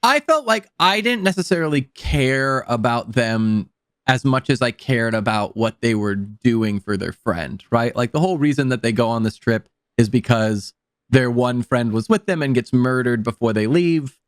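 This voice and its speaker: A man's voice: medium pitch, animated, moderate pace, no echo, studio quality. A man co-hosting a casual movie podcast, thinking aloud in a laid-back way with some hesitations.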